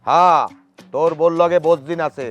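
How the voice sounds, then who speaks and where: A man's voice: fairly high pitch, fairly even intonation, moderate pace, dull audio, soft background music. A man with a Barishal Bengali accent playing a bossy fake healer who chants, in a comedy sketch. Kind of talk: comic sketch acting.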